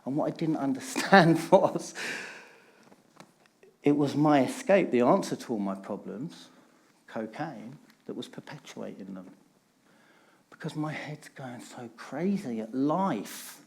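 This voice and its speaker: A middle-aged man tells candid, emphatic stories from the stage at a conference, driving his points with repetition. He speaks slowly at a medium pitch, with lively intonation and vocal fry.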